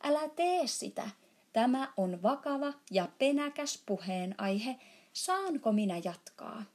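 A woman voicing a big, friendly, muddled male giant who mangles his grammar and shouts now and then in a storybook reading. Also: sing-song. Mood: booming muddled. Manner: jumbled grammar, booming shouts.

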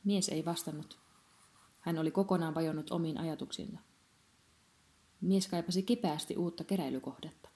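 A woman calmly reading a children's story aloud at an even pace. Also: on the low side, pauses often. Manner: calm, even-paced reading. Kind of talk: scripted narration of a children's story.

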